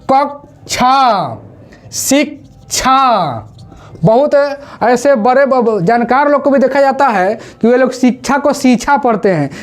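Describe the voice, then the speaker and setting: A woman teaching Hindi grammar for exams, asking questions and drilling the pronunciation of each word slowly. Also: high voice. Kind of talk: exam-prep classroom lesson. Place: classroom with a board.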